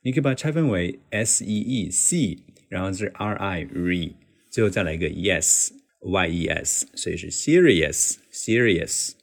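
Deep-voiced man teaching pronunciation. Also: gravelly. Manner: explains step by step, repeats words slowly to demonstrate. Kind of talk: podcast lesson.

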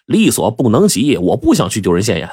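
A man voicing a carefree young male student who talks in a casual, unhurried way. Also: fairly low pitch, huge pitch swings, mellow, husky, no echo, studio quality, full character voice. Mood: nonchalant.

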